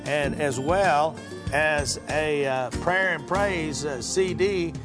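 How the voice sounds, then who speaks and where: Male radio co-host, fairly high voice, halting off-the-cuff plug over music. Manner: halting, hesitant phrasing. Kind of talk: unscripted product promotion.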